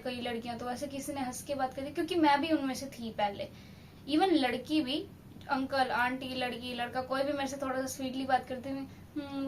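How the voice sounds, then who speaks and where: A young woman, telling a casual storytime monologue in an animated, indignant way, with scolding asides to the viewer. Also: sits high, slight background noise. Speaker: storytelling vlogger.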